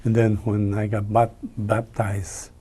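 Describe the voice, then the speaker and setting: Man in his 90s, from Peru, halting recollection, low flat mellow voice. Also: breathy edge. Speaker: interviewee. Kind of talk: oral history interview.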